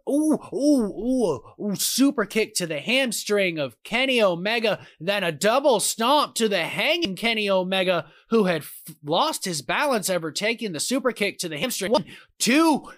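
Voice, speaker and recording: High-pitched male wrestling commentator. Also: normal speed, no room sound, studio quality. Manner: excitable, exclaiming at big moves.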